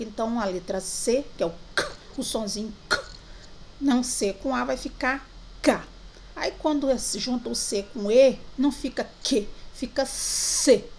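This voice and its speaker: A woman teacher from Brazil, guiding young children through worksheets in a remote lesson, slowly drawing out syllables and words. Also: a little high, slight background noise. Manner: slow, drawn-out syllables for children.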